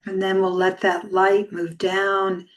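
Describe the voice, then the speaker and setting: A female yoga teacher's level, medium-pitched voice leads a calm guided meditation. She speaks softly and soothingly, pausing at length without any rush.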